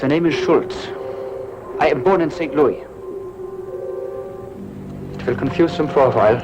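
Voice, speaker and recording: An actor playing a stubborn American sergeant with a German accent and stiff, formal phrasing. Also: male voice, fairly high pitch, a little slow, natural voice, poor audio. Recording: TV soundtrack with loud music.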